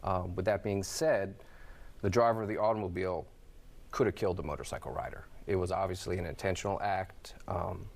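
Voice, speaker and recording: A man with a deep voice and plenty of vocal fry, speaking as a safety advocate in an interview. He gives his advice in a measured, slightly halting manner. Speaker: motorcycle safety advocate guest. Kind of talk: interview commentary.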